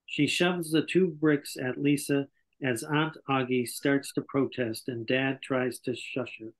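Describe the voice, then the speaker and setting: Here a sixty-something man narrates stage directions from a script during a video-call table read, his voice medium in pitch, steady in tone and a little slow. The audio from his computer mic is poor, and he's in a small room at home.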